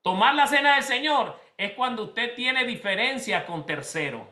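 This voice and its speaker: High, bright-voiced male pastor preaching. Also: animated, moderate pace, reverberant. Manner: conversational preaching, addresses congregation by name. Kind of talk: sermon.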